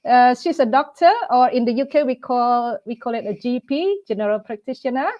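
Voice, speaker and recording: Indonesian lady in her 40s hosting a live stream, kinda high voice, lots of ums and uhs, dull muffled audio. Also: fairly quick. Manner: hesitant, many fillers, speaks as a second-language speaker. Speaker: host of live talk program. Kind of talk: live-streamed talk show.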